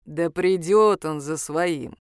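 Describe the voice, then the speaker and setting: A woman's voice: low voice, slow pace, smooth, dry recording, studio quality, pitched below the performer's own voice. A woman voicing a smug wolf-shifter man in a spoken story, drawling and mocking.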